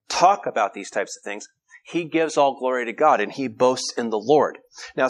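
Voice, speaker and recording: A man preaching an earnest sermon, reading scripture aloud and often restarting his phrases. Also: medium pitch. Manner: frequent repetitions and restarts.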